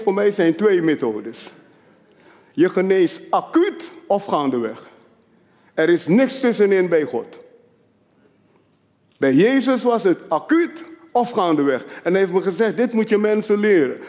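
A man preaching a sermon as an apostle, emphatic, swinging between low confiding asides and loud rising declarations. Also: big-room sound.

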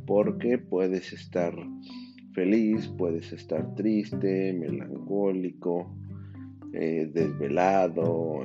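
A man working as a life coach, speaking in an unhurried, thoughtful way with frequent hesitations and restarts. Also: low voice. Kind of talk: reflective spoken monologue. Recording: dull lo-fi audio over clear guitar music.

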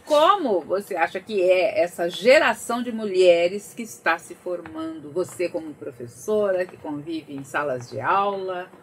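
A woman's voice: fairly low pitch, animated, measured pace, hardly any pauses, slight background noise. A woman hosting a talk show, asking questions in a friendly, curious way. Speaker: host. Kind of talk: casual talk show chat.

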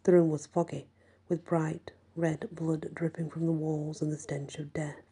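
Brief: female horror audiobook narrator, low-pitched, very dark and breathy, hushed. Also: flat delivery, measured pace. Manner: hushed, often whispered delivery. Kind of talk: scripted horror story narration.

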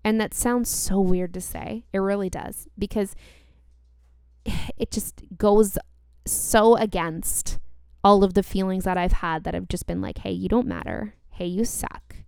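Creaky-voiced woman giving earnest motivational talk. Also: medium pitch, steady tone, unhurried, darkish tone, no room sound, clean studio sound. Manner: earnest, emphatic, repeats key phrases for weight. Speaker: podcast host. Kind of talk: motivational self-help talk, addressing the listener directly.

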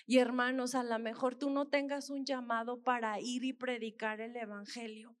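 A woman's voice: a little high, little pitch movement, moderate pace. A woman, a missionary dentist giving an earnest sermon testimony and often calling her listeners brothers. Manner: earnest storytelling, repeatedly addressing listeners as brothers.

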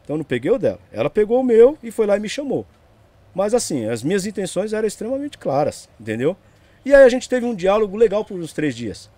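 A man's voice: high voice, very animated, quick pace, warm tone, dry recording. A man, telling his side of a story as a guest in a casual interview, rambling along and checking in with the listener. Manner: rambling, tags lines with "entendeu?" and "meu".

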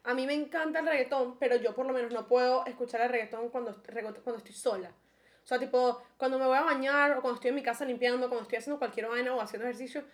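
A young woman with a Venezuelan accent chats fast on a podcast, offering strong opinions in a casual, talkative way. Her voice sits a little high for a woman. She keeps a quick, lively pace. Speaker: podcast co-host. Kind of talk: casual chat.

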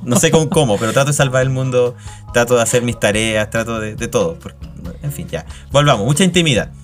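A man's voice: mid-range voice, lively intonation, quick pace, soft background music. Chilean man in slangy casual chat. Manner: slangy, joking, self-interrupting. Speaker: podcast co-host. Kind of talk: casual chat about a TV series.

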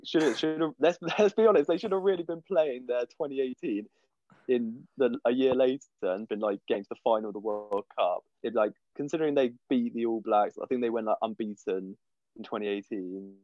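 A man's voice: medium pitch, no room sound. A man co-hosting a casual sports chat, playfully contrarian and rambling. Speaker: co-host. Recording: dull lo-fi audio.

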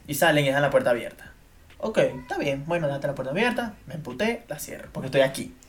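A man's voice: fairly high pitch, very animated, quick pace, a little hiss or hum. A young man, co-hosting a podcast and ranting emphatically about his pet peeves, repeating his points. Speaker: podcast co-host. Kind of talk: casual chat.

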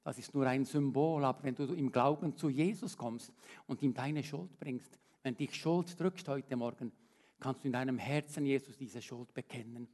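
A man preaching a sermon, earnest, swinging between emphatic appeals and quiet, intimate passages. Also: mid-range voice. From Switzerland.

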